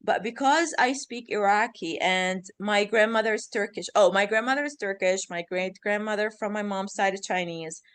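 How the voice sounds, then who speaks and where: A clear, resonant mid-range voice at a moderate pace, with hardly any pauses and a dry recording. It belongs to a woman in her thirties from Iraq whose first language is Arabic, rambling casually as a podcast guest, full of fillers and frequent self-corrections.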